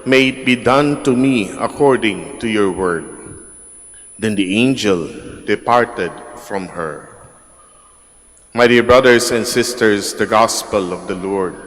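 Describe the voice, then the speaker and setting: A man, a priest reading the gospel at Mass in a slow, measured way, his voice carried by a cathedral echo. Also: on the low side, a bit bright. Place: large church. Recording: long church reverb from the PA.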